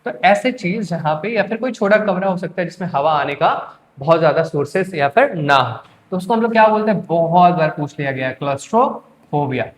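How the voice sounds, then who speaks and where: A young man with a somewhat high voice gives an exam-prep English lesson. His is clear as he keeps quizzing students with rhetorical questions and answering them himself. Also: lively intonation, normal speed, few pauses. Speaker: English teacher.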